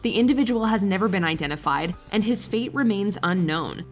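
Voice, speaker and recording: A woman reading a scripted countdown narration in an even, measured way. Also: medium pitch, soft background music.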